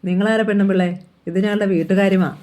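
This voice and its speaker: A man's voice: sits high, steady tone, fast talker, darkish tone, natural voice. A man reading the part of a hot-tempered, menacing uncle who talks bluntly and threatens. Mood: curt.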